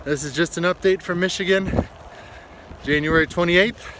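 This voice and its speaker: High-voiced man in blustery wind noise. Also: fairly even intonation, normal speed, poor audio. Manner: upbeat, encouraging. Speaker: fitness vlogger. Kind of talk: casual selfie video chat. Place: outdoors in a snowy blizzard. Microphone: phone at arm's length. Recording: loud wind noise on the microphone.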